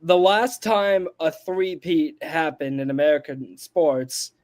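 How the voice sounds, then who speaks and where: This twenty-something podcast panelist speaks slowly and steadily in a fairly high, darkish voice during a laid-back sports debate. He makes his case with emphasis and says key points more than once to drive them home.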